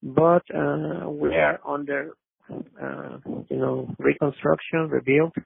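A caller from Mexico City who speaks English. His voice is deeply gravelly and very raspy, and he speaks slowly. He is heard over a dry, narrow phone line, polite and halting. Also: fairly even intonation, no echo. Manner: hesitant, polite, many "uh" fillers. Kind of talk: call-in sports talk.

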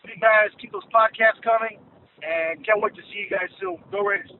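Brief: male radio show caller on a tinny phone line, high-pitched, upbeat and rambling. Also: steady tone, moderate pace, a little hiss or hum.

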